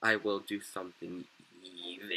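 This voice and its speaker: A man giving casual, rambling commentary while playing a video game, with sudden excited yelps, his voice a little rough from being sick. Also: mid-range voice, poor audio. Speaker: gaming video creator. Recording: game music under the voice. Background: game music.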